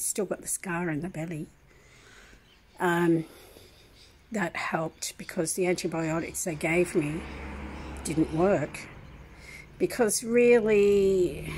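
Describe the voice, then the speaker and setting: A woman's voice: on the low side, noisy background. An older woman, rambling and aggrieved as she tells a long personal story in a casual home vlog, with many ums and restarts. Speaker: vlogger. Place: home kitchen.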